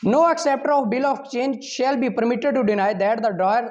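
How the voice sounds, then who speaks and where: A Pakistani-accented man with an extremely high voice draws out his words as he gives an informal law lecture, teaching through examples. He slips in English legal terms and asks questions to make sure his students are following. The recording is dull and lo-fi.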